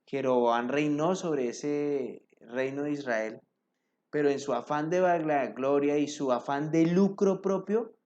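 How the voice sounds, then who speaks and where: Male devotional preacher, slightly high-pitched, reading scripture and commenting to listeners; dull lo-fi audio. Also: unhurried, darkish tone. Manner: reads verses aloud, then explains them directly to listeners. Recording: dull lo-fi recording.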